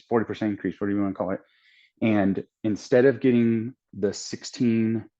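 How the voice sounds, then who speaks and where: A fairly low, mellow male voice belongs to a man in his 30s who hosts a trading channel. His casual screen-share commentary rambles as he reasons aloud and restarts mid-calculation, recorded with dull lo-fi audio.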